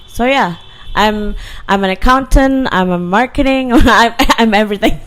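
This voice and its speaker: A woman's voice: medium pitch, moderate pace, slight background noise. A woman, a guest telling her story earnestly with fillers and restarts. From Indonesia. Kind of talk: casual interview.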